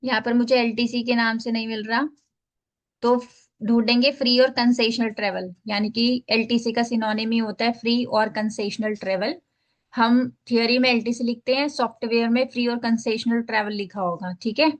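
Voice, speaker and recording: A woman with a slightly high voice and steady tone speaks at a moderate pace, teaching a tax filing form over screen share. She walks her students through it step by step, blending English phrases into her Hindi and checking in often with a repeated "ठीक है."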